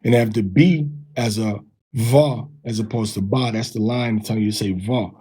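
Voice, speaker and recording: A man teaching from a text, sounding out syllables slowly and repeating them. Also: fairly low pitch, completely flat delivery, dark tone, breathy edge, low-quality recording. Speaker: teacher of a language lesson.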